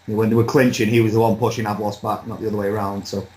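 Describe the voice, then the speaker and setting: A man chatting casually as a pundit, relaxed and rambling, with a light laugh now and then. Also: lowish voice, very fast, poor audio. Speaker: boxing pundit. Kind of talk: casual chat.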